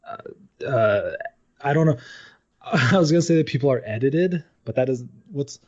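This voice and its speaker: Here a podcast co-host, a man with an expressive, slightly mellow mid-range voice, speaks unhurriedly. The chat is a casual one about games, loose and full of cursing, captured in dull lo-fi sound.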